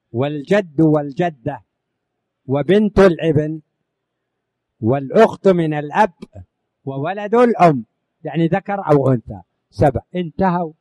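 A man with a high, lifted voice teaches a religious law lesson as a recitation. He asks his listeners each question and answers it himself, running through lists again and again. The sound is close and dry, with no room around it. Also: warm tone, no room sound. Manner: rising on each question, dropping at the end of lists; addresses listeners affectionately. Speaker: teacher of Islamic inheritance law.

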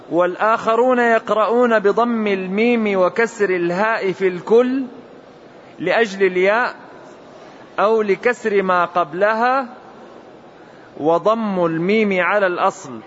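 A man reading a classical commentary aloud in a measured, deliberate recitation, as a student before his teacher. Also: sits high, fairly bright tone. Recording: dull lo-fi recording with faint hiss.

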